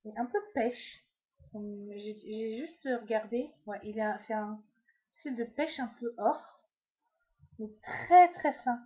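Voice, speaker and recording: A woman's voice: on the high side, takes it slowly. Chatty French woman, lo-fi sound. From France. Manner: chatty, many fillers and trailing asides. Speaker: beauty vlogger. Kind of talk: casual makeup haul. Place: at home, indoors.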